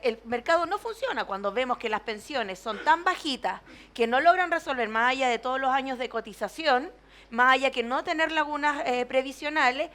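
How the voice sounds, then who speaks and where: Woman, party leader on a debate panel; high voice, earnest, restarts mid-thought. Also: a bit bright. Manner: earnest, restarts often while building points. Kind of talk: public debate argument.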